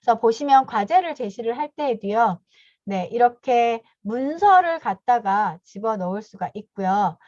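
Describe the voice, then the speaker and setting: Over a video call, a woman in her fifties gives teachers a step-by-step online training talk, politely punctuating her phrases with a short, affirming "yes". Her voice is on the high side, animated and darkish, at normal speed. The video call mic yields dull, dry audio with no room sound.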